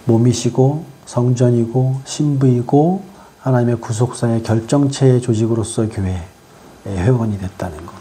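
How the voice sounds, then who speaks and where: A preacher delivering a sermon, firing rhetorical questions at the congregation and swinging between loud exhortation and quiet asides. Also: medium pitch, normal speed, slight background noise.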